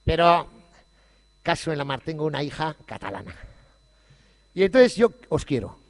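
A man's voice: on the high side, sing-song, normal speed. A man from the gives a humorous festival opening speech, irreverent and joking, swearing freely. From Basque Country. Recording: echoey hall reverb.

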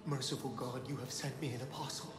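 An actor playing a cryptic, zealous religious man in a horror game, speaking in a hushed, solemn, preacher-like way. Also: mid-range voice, steady tone, quick pace, lightly acted. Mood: hushed reverence. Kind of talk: video game voice acting. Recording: echoey, under loud game music.

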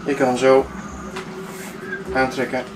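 A sailing vlogger sits at the navigation desk inside a sailboat cabin, giving an informal demonstration to the camera while hesitantly searching for words. His mid-range voice is monotone and a little slow. The camera sits a few steps away, so the sound is roomy, distant, and clearly noisy.

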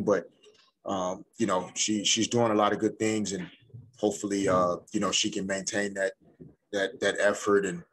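Low, husky middle-aged male coach. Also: a bit bright. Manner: measured, thoughtful, often pausing to find words. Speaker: head coach. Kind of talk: postgame press conference answers. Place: indoor press room before a sponsor backdrop. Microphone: desk microphone in front of him.

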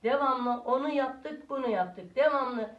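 An older Turkish grandmother who vlogs from her village chats casually with her viewers as if they were friends, cooing sing-song at her little grandson. Her voice is high-pitched and a little slow, recorded lo-fi in an echoey village house room with the mic at a distance.

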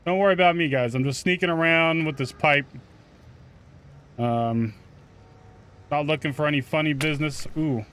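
Smooth, a bit bright, and fairly high in pitch, this gaming YouTuber speaks at normal speed with frequent pauses. He swears, uses slang, and addresses the game's characters directly during casual commentary, with video game music in the background.

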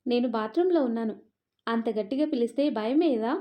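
A woman narrator voicing an exasperated young mother who is sharp-tongued with her sister. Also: fairly high pitch, a little fast, lightly acted.

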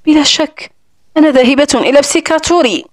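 A woman's voice: high voice, lively intonation, fast, no echo, studio quality. A woman reading a flustered young heroine.

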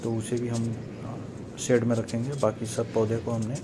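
A man's voice: medium pitch, little pitch movement, measured pace, noisy background. A young man narrating a casual vlog about his terrace garden, steadily explaining to his viewers as friends. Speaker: gardening vlogger. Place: rooftop terrace garden outdoors.

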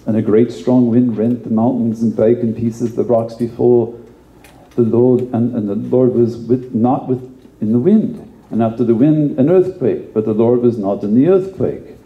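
A man's voice: mid-range voice, moderate pace, roomy sound, phone-quality sound. A male pastor giving a conversational sermon, often repeating words and adding asides.

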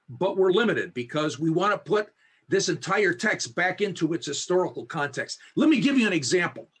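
Husky high-voiced man teaching a Bible study. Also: fairly bright tone. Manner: friendly, explains slowly with frequent fillers. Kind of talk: online Bible study lecture. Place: home setup on a video call. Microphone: high definition video camera.

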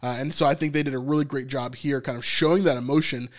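A man's voice: mid-range voice, fairly even intonation, quick pace. A man giving a casual, chatty recap of a TV episode, with lots of fillers and frequent small laughs. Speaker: TV episode reviewer.

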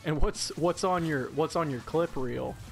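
A man's voice: on the high side, a little slow, creaky, soft background music. Rambling young man playing a game. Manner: rambling and jokey. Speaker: gaming channel host. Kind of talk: let's play commentary.

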